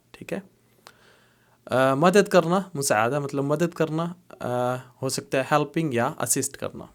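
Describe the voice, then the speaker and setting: Patient male teacher repeating phrases. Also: medium pitch. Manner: patient, repeats each phrase several times. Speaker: language teacher. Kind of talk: explaining Arabic phrases in Urdu.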